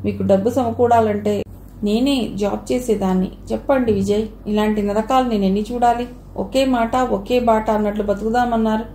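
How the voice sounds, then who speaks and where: A woman voicing a hurt, defiant young wife who speaks in a sharp, reproachful way in a narrated audio novel. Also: fairly high pitch, steady tone, moderate pace, natural voice. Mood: bitter. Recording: echoey room, faint hiss.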